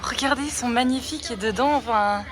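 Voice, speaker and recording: A woman's voice: fairly high pitch, brisk. A young woman vlogging casually about her week, chatty and self-mocking, on a clip-on mic. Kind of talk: casual vlog chat. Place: outdoors on a farm and at home. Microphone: wireless clip-on mic. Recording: wind and outdoor noise.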